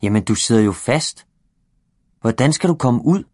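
A man's voice: mid-range voice, dry recording, clean studio sound, close to an everyday voice. A man voicing a distracted father in a read-aloud storybook, answering in an absent, mumbling way. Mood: alarmed. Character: distracted father reading his newspaper.

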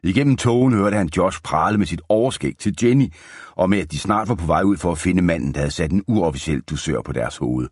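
A man narrating an audiobook in a steady storytelling manner. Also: sits low, slightly rough, dry recording. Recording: dry close studio sound.

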